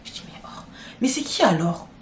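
A woman's voice: medium pitch, normal speed, a little hiss or hum. Young woman, casual storytime vlog, slangy, talks to viewers, roomy echo. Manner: slangy, addresses viewers directly, animated retelling. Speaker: storytelling vlogger.

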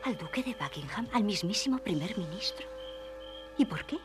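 An actress voicing a composed, scheming female cat spy in a dubbed cartoon, asking crisp questions. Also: medium pitch, expressive, moderate pace, music in the background, close to an everyday voice.

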